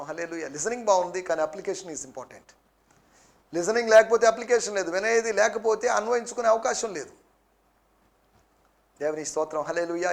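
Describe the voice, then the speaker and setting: A man preaching a televised sermon as pastor, calling out hallelujahs and mixing English phrases into his talk. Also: on the high side.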